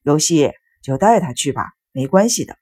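A calm middle-aged father who gently coaxes his family along, as a woman reads him. The voice drops below her own and keeps a breathy, husky softness. It is storybook reading. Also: low-pitched, normal speed, voice pushed down. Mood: coaxing. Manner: mild and conciliatory.

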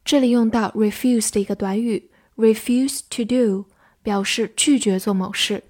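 A woman with a slightly high voice works through an English vocabulary list in a scripted lesson. She speaks very slowly, spelling words letter by letter and reading the example sentences with care. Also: steady tone, a little mellow, no room sound.

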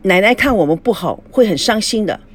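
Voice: mid-range voice, expressive, a little fast, fairly bright tone. A reader voicing an awkward young husband who stammers in a storybook drama.

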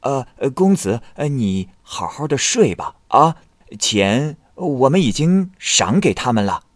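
A man's voice: mid-range voice, sing-song, a little slow, dry recording, studio quality, pitched above the performer's own voice. A man voicing a household servant who soothes his drunk master with many hesitant fillers. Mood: coaxing.

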